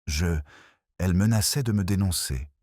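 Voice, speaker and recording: Man reading a frightened guilty village woman, pleading and halting, storybook audio, dry and close. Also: low voice, darkish tone, no room sound. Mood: tearful.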